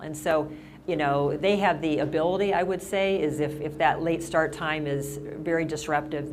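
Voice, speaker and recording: Speaking low over slight background noise, a middle-aged mayor chats informally at a senior center. Her town-hall remarks wander, full of fillers and false starts.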